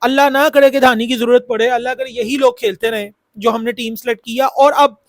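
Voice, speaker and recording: A very high-pitched, steady-toned male voice, slightly fast, comes through a dry, studio-quality recording. The speaker, a Pakistani cricket YouTuber with a sore throat, analyzes cricket casually, repeating points and using many fillers.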